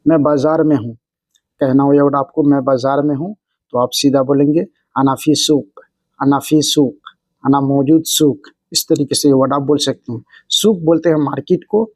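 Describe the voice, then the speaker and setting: A man with a medium-pitched, somewhat dark voice hosts an instructional language lesson as a video host and teacher, speaking at a normal pace in a steady tone. He works through the material phrase by phrase, explaining and repeating every example. The recording is dry.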